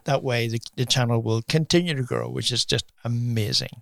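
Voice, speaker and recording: Male, podcast co-host, conversational radio-style delivery, mid-pitched, dry recording. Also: brisk, gravelly, dry recording. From Ireland or Britain.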